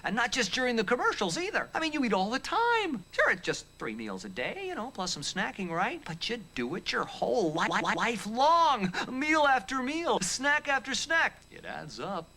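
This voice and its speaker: A man's voice: very high voice, huge pitch swings, moderate pace, few pauses, sharp tone, full character voice. A man voicing a wisecracking male computer graphics glitch who stutters and giggles while spouting facts on a children's TV show. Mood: giggly. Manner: giggly, stammering, jokey. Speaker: fact-spouting cartoon host. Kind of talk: children's TV cartoon segment.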